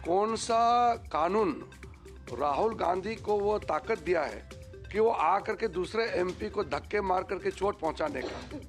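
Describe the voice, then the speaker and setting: A man's voice: high voice, expressive, a little slow, over music. A male politician making an accusatory, demanding statement.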